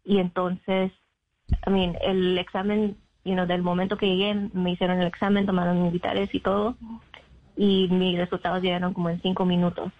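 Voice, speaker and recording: A young adult woman from Mexico, a guest telling her own story in an interview. She talks haltingly, with many fillers and English words mixed in. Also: lowish voice, flat delivery. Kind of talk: personal account in an interview. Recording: phone line.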